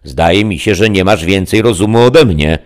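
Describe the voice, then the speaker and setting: A man's voice: low voice, lively intonation, normal speed, voice pushed up. A man voicing a lofty, solemn old knight in a stately, declamatory manner, reading an audiobook.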